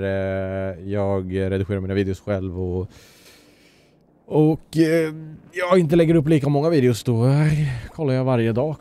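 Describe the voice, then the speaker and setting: A man streaming himself playing a game, a parent who chats with his viewers and talks at the characters on screen, breaking into sudden yells. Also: on the low side, clear, resonant tone. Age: adult parent. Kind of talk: live let's-play commentary.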